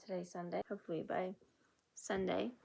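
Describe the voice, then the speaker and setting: At home, a woman vlogs about crochet, talking chattily and wandering off topic while dropping "like" again and again. She speaks briskly and flatly in a lowish voice with vocal fry, and there's background noise.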